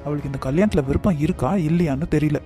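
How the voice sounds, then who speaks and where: A man voicing an anxious, sulky young groom-to-be in a cartoon, speaking in quick, hurt complaints. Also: fairly high pitch, warm tone, faint music behind, close to an everyday voice. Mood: upset. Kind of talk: cartoon voice acting.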